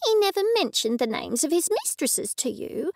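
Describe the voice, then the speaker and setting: A woman voicing an excitable, fussing female friend in a high, shrill, fretting voice. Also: moderate pace, vocal fry, no room sound, studio quality, exaggerated voice. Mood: probing.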